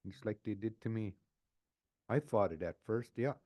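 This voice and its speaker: Man, 60s, personal testimony, emotional, halting restarts, mellow low voice, dry close sound. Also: animated, no room sound. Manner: halting, repeats words and restarts phrases; emotional, earnest. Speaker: interviewee sharing his life story.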